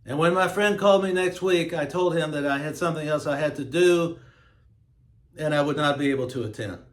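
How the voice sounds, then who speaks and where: A man hosting his own show, talking in a slow, emphatic, preachy monologue. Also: fairly high pitch, reverberant. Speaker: host. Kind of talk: monologue to camera.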